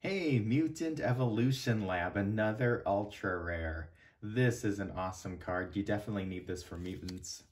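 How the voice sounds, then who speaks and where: A man's voice: on the low side, moderate pace. A young man giving casual, laid-back commentary as he hosts a card-opening video. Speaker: card-opening channel host.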